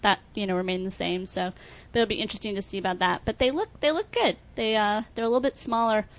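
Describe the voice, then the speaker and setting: A woman's voice: mid-range voice, fast. A woman co-hosting a podcast, chatting casually and musing aloud. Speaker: podcast co-host. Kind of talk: casual chat. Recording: dull lo-fi podcast audio.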